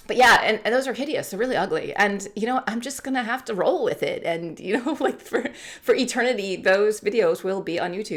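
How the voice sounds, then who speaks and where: A woman's voice: fairly low pitch, fairly bright tone. A woman from the United States, in her forties, chatting candidly to camera as a YouTuber and laughing often. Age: 40s. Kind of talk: casual talk to camera.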